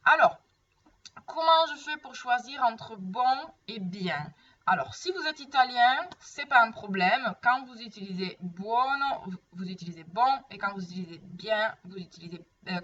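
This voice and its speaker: A woman's voice: medium pitch, a bit bright. A woman teaching a French grammar lesson, explaining patiently and often checking that students follow. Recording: dull, distant mic.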